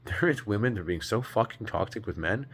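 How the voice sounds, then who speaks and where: Guy with a really low voice ranting loosely, swears a lot, keeps doing little voices. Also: expressive, a little fast, a bit bright, slightly rough. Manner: rambling, exasperated, swears, acts out quoted women. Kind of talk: casual spiritual rant.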